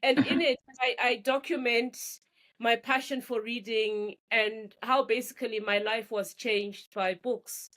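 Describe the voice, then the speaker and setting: A middle-aged woman from Zimbabwe, an author talking as a guest in a relaxed interview, animated and quick to laugh, often repeating words as she thinks. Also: a little high. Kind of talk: casual interview conversation.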